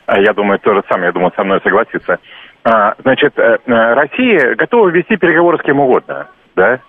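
A man speaking as a guest analyst in a live radio interview, halting and full of filler words. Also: medium pitch, very animated, slightly rough, no echo. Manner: halting, many "e" and "znachit" fillers. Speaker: phone-in guest, political analyst. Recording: tinny phone line.

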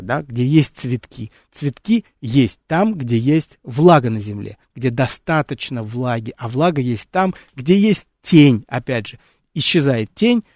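A man's voice: mid-range voice, darkish tone, no echo, clean studio sound. A man hosting an educational nature series, talking unscripted with frequent fillers, restarts and rhetorical questions, and calling his listeners friends.

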